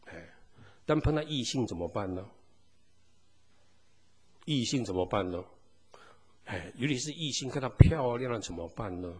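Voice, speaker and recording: A man preaching a sermon as pastor, peppering the congregation with rhetorical questions. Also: fairly low pitch. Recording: long hall reverb.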